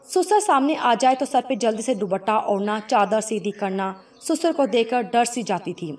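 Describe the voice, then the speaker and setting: Expressive woman storyteller, lively pitch. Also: far from the mic, faint music behind. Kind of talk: moral story narration.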